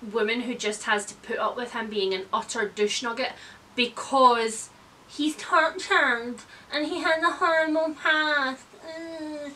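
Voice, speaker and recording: Surrounded by bookshelves indoors, a video host in her thirties talks books with a slightly high, sharp-toned voice. Her chatty reviews are opinionated, blunt and wry, sprinkled with mild swearing.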